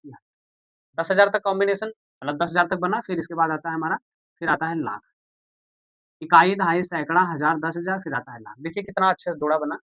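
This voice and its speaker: A man's voice: fairly high pitch, dry recording, muffled recording. Patient man teaching a maths lesson. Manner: patient, repeats steps, calls viewers "beta" and "bhaiya"; asks the class questions, then answers them himself.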